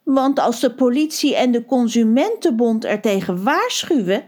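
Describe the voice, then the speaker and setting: A woman's voice: a little high, lively intonation, moderate pace, a little mellow, pitched above the performer's own voice. A woman voicing a cautious, caring young daughter who speaks hesitantly. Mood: nervous.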